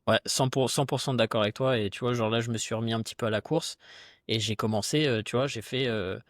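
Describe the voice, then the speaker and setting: A man's voice: medium pitch, fast, no echo. Chatty male fitness coach, dry close sound. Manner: chatty, relaxed, slangy, lots of fillers. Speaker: podcast guest, fitness coach. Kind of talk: casual conversation.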